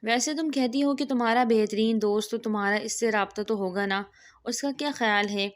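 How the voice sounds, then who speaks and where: A woman's voice: fairly high pitch, steady tone, lightly acted. A woman reading the lines of a young woman comforting her friend in a storybook, soothing and reassuring.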